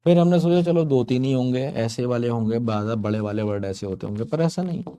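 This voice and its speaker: Mellow-voiced man teaching with playful asides. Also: medium pitch, quick pace. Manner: chatty storytelling teacher, playful, drawing out words for emphasis. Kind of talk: explaining English grammar to learners.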